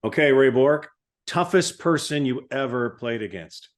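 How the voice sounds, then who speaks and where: A man's voice: medium pitch, lively intonation, normal speed. Jokey male podcast host. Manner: jokey, playful questioner. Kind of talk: casual interview chat.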